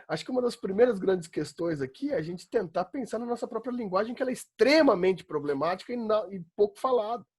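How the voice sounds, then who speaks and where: A law school philosophy professor from São Paulo gives an online lecture from home during quarantine, his Paulista Brazilian Portuguese high-pitched, fast and expressive with hardly any pauses. His tone is darkish and husky, and his chatty, emphatic delivery, peppered with "né?", sometimes rises into exasperated rants.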